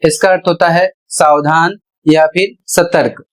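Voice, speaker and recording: Slow-spoken man teaching pronunciation. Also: fairly high pitch, steady tone, low-quality recording. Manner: spells words out letter by letter. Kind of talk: explanatory lesson.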